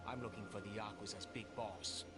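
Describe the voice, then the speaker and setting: A man's voice: lowish voice, steady tone, brisk, natural voice. An actor playing a crude, sarcastic male demon hunter in a video game. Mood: menacing. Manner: sneering, wisecracking. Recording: game audio with loud music.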